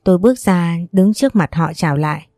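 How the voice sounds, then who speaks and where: A woman narrating a story in an even, measured reading. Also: lowish voice, no room sound, studio quality, faint music behind. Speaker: audiobook narrator.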